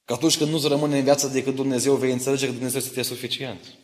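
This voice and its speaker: A man's voice: medium pitch, level tone. A middle-aged man preaching a sermon in church. He tells stories from his family and explains Bible verses, often asking the congregation whether they follow him. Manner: personal stories mixed with Bible teaching, asks listeners for agreement. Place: church hall. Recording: echoey church hall.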